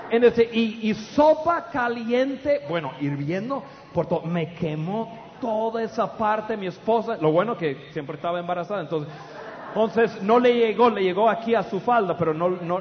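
High-voiced preacher in an echoey hall. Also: male voice, a little hiss or hum. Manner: animated, loud, with stammered restarts and laughter. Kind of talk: humorous storytelling sermon. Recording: dull, echoey hall with audience.

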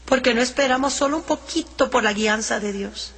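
High-voiced woman preaching in a reverberant hall. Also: brisk, fairly bright tone, husky. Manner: earnest, reads scripture aloud between teaching. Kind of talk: sermon.

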